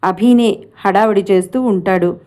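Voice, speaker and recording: A woman's voice: medium pitch, moderate pace, mellow, lightly acted. A woman voicing an affectionate middle-aged father who speaks fondly to his daughter. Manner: fond, then urgent.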